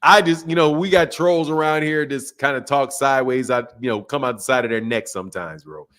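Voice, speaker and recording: A man from the US with a medium-pitched, slightly bright voice talks a little fast while hosting a boxing talk channel's livestream. Reading viewer messages and answering them, he keeps it casual, slangy and emphatic, often repeating phrases for emphasis.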